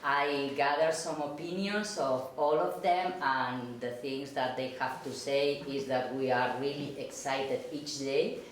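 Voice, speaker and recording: Woman in an echoey hall. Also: very deep voice. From Spain (Barcelona, Catalonia). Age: middle-aged. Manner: hesitant, warm, halting non-native phrasing. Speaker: student introducing a speaker. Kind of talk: public introduction, partly read aloud. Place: lecture hall. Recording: echoey lecture hall with background noise.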